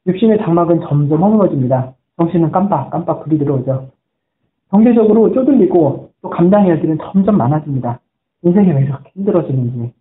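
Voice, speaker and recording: A man's voice: on the high side, lively intonation, fast. A man preaching a sermon as a pastor, earnest and telling stories in which he quotes people's words. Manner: earnest storytelling, quoting voices. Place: church sanctuary. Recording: echoey room on a tinny phone-like line.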